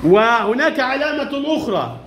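A man teaching young pupils in a classroom, brisk and playful, calling each child up by name. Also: very high voice, sing-song. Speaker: primary school Arabic teacher.

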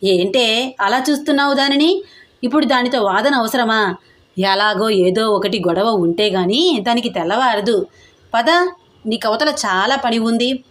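A woman's voice: a little high, measured pace, a bit bright. Woman doing a stern, bossy grandmother. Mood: firm. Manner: firm, scolding.

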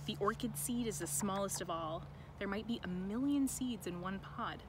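An educator reads a picture book aloud to children outdoors in a sunny farm garden, expressive and deliberate, with chatty asides. Her voice sits at a middle pitch. Someone nearby holds the camera recording her, and clear ambient noise comes through behind her.

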